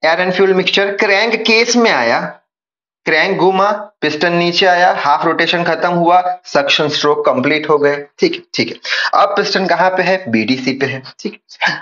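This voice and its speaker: A man's voice: a little high, normal speed, pushed and bright, lo-fi sound. Man teaching engineering, question-and-answer style. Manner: repeats key points as questions. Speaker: engineering tutor. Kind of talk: whiteboard lecture.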